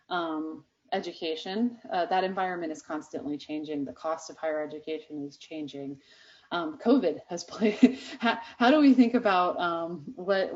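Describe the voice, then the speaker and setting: A woman's voice: lowish voice, a little mellow. A woman giving a conference research presentation, speaking earnestly with many ums and restarts. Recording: dull lo-fi sound.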